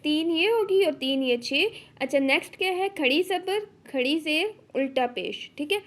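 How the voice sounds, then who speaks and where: A woman's voice: sits high, expressive, normal speed. A woman with a Pakistani Urdu accent teaching a tajweed lesson. She explains step by step and keeps checking in with her students. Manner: patient, explains step by step with frequent check-ins. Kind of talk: online lesson explaining rules.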